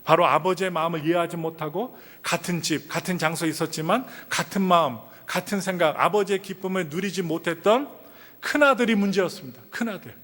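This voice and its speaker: A man's voice: a little high, fairly quick, hardly any pauses, fairly bright tone. A man, a pastor, giving a sermon with earnest delivery that grows emphatic at its peaks. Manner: earnest, rising to emphatic when voicing the son. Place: church sanctuary. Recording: long reverb of a church sanctuary.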